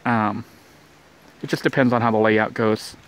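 A man's voice: on the low side, steady tone, unhurried, fairly bright tone. A man narrating a casual outdoor vlog, rambling and thinking aloud with lots of fillers, recorded on a handheld camera. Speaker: vlogger building a shelter. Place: outdoors in brush.

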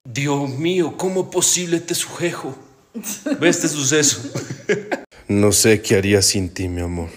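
A man's voice: medium pitch, unhurried, long pauses. A man, making playful family skit videos and cooing at his pets. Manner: playful, coos affectionately. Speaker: family vlogger. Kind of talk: comic family skits and pet vlog.

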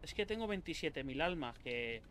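A man from Spain with a Spanish accent, narrating his game as he plays, quick to swear and talk to his viewers. His voice sits high for a man. A faint background hum runs under it. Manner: excitable, swears a lot, talks to himself and viewers. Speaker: gaming YouTuber. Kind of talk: live gameplay commentary.

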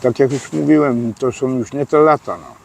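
Standing by a street outdoors, a man explains prison slang to an interviewer, hesitating often with fillers and restarts. His mid-range voice is gravelly and darkish, with lively intonation at normal speed, and there's slight background noise.

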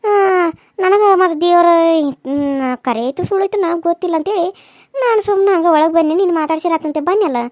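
A woman's voice: very high voice, fairly quick, a little mellow, dry recording, clean studio sound. A woman voicing a caring older village woman who comforts and advises. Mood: concerned. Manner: soothing, bossy-kind, reassuring. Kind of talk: cartoon serial voice acting.

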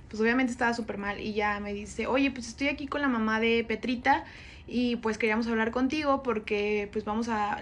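A young Mexican woman casually telling a dramatic personal gossip story, chatty and full of slang. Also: a little high. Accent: Mexican Spanish. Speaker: storyteller on social media.

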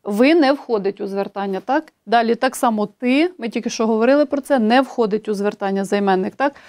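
A woman giving an exam-prep grammar lecture, explaining rules step by step, slowing down to read poetry examples and often saying "so" to check understanding. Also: a little high, darkish tone. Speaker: teacher.

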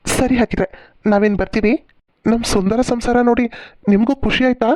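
A woman's voice: on the high side, fairly even intonation, a little fast, warm tone, dry recording, lightly acted. A woman voicing a family member in a cartoon serial, scolding and then reassuring. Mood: cheerful. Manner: scolding, questioning.

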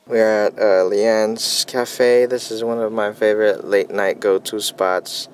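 A young man chatting casually to his camera as a vlogger, relaxed and full of loose fillers. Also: fairly low pitch, slow, poor audio. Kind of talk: casual vlog chat. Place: out and about, cafe, store and street. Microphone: handheld camera. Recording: loud background noise on a handheld camera.

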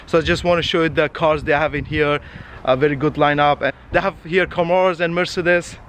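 Strolling an outdoor car lot with his camera held at arm's length, a vlogger in his twenties chats in non-native English and points out the cars. He speaks fairly quickly with fairly even intonation, in a fairly bright voice on the high side. Faint street noise can be heard outdoors.

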